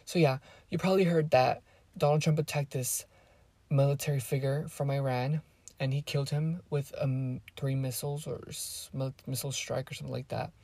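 A teenage vlogger, eighteen and a first-language Spanish speaker, rambles casually to her viewers on camera, often drifting off topic. Her rumbling low voice sounds steady and warm at a moderate pace, with no echo.

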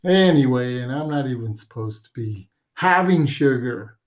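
A man co-hosts a laid-back podcast with a voice of middling pitch. He rambles from one joke to the next and often leaves sentences unfinished. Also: expressive, normal speed. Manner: rambling, joking, trails off mid-sentence. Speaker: podcast co-host. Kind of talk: casual chat.

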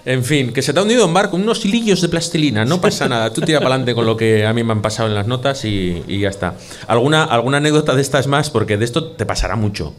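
A man's voice: medium pitch, expressive, fast talker. A Basque podcast host with a mid-range male voice talks casually. He jokes, teases his guest and launches into his own anecdotes. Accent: Basque Spanish. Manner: jokey, teasing, tells anecdotes. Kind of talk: casual chat.

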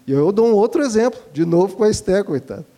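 A man with a fairly high voice gives earnest parenting advice as a father. His tone is gentle and instructive, and he speaks fondly to his listeners. His voice has a warm, mellow timbre. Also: expressive, fast. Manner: gentle and didactic, calls listeners "dear ones".

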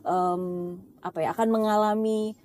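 A woman's voice: medium pitch, steady tone, normal speed, darkish tone, slight background noise. A woman hosting a casual conversation, reflective and mixing in English phrases.

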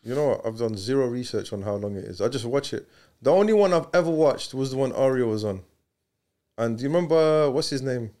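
A man's voice: mid-range voice, lively intonation, fairly quick, warm tone. A man with an East London street accent, bantering casually as a podcast host in slangy roadman style. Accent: East London, multicultural street London. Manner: slangy, roadman-style talk with bro, bruv, innit.

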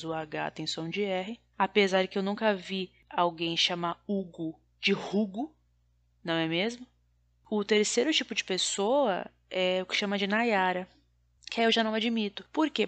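A woman performing a stand-up comedy monologue in a wry, deadpan, exasperated way. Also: mid-range voice, no room sound.

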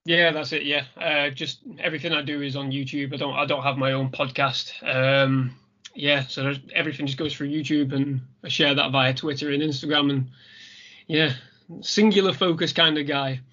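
A man's voice: on the high side, flat delivery, moderate pace, pushed and bright, lo-fi sound. A man with a British accent, a guest in casual chat, chatty and often hesitant. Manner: chatty, hesitant with many ums. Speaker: guest, YouTube reviewer.

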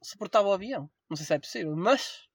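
A man's voice: high-pitched, expressive, fast talker, slightly rough, no room sound, studio quality. A young man with a European Portuguese accent, chatting casually and slangily as a podcast co-host. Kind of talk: casual chat with friends.

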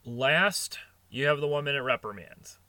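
This middle-aged man hosts a podcast about restaurant management, earnestly and casually sharing anecdotes about managing staff. His medium-pitched voice sounds pushed and bright at a normal speed, with no echo.

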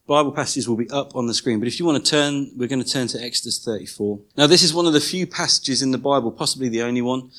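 A man's voice: medium pitch, a bit bright. A man preaching an informal teaching sermon in church, chatty in tone and leaning hard on key words he repeats.

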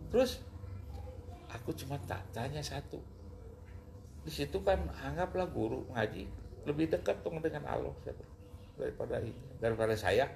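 Gravelly man telling an emotional story. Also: mid-range voice, normal speed, long pauses, slight background noise. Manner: emotional, animated retelling with rising outbursts. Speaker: interview guest. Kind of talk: personal storytelling in conversation.

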